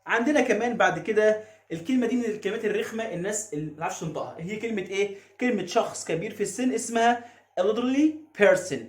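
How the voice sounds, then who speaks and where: An English teacher with an Egyptian Arabic accent explains pronunciation, asking himself questions and answering them. His voice sits high, and he repeats words slowly. The room gives a clear echo. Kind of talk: phonics lesson explaining pronunciation.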